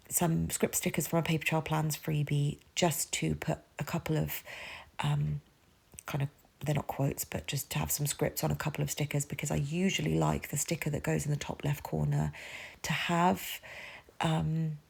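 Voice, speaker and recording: This planner vlogger's low, slightly mellow voice has vocal fry and a breathy edge, and she talks at a normal speed. Congested from a cold, she gives a rambling, chatty voiceover narration full of fillers and self-deprecating remarks.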